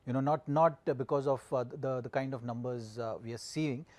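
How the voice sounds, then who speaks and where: A man analysing cricket as a pundit, circling his points haltingly with repeated phrases. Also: mid-range voice, steady tone, a little mellow. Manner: halting, repetitive phrasing with frequent "you know". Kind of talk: studio match analysis.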